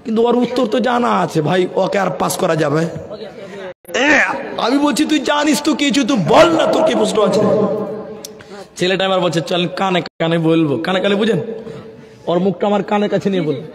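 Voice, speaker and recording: A man from Assam preaching a live sermon with an Assamese Bengali accent. He tells lively anecdotes, acts out the people in them and chants Arabic verses in a sung tone. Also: sits high, normal speed. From Assam, India. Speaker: Islamic preacher. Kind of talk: live open-air sermon. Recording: echoey public-address sound with long reverb.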